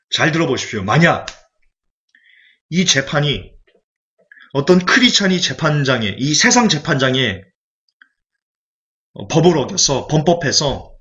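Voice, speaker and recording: A male evangelist preaches with a fairly high voice that leaps up and down. He keeps throwing rhetorical questions at the congregation. The recording sounds muffled and lo-fi. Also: sharp tone. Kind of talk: sermon. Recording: dull lo-fi recording.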